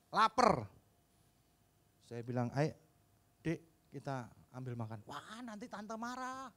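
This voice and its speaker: A male pastor giving a sermon in a church, telling funny stories with big swings from soft asides to loud exclamations. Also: fairly high pitch. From Indonesia. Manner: jokey storytelling, repeats "saudaraku", swings from soft to loud. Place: church hall.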